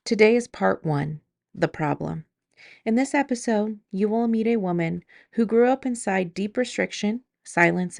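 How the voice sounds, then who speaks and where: A woman hosting an interview podcast, reading a measured scripted intro and then asking chatty questions. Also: medium pitch, gravelly, darkish tone. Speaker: podcast host.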